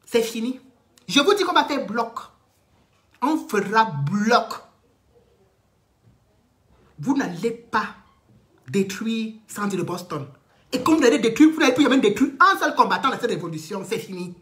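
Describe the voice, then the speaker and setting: A woman, ranting defiantly on a live stream, repeating herself and swinging from loud declarations to low muttered threats. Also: big pitch swings, unhurried, pauses often. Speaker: online commentator. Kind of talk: impassioned live-stream rant.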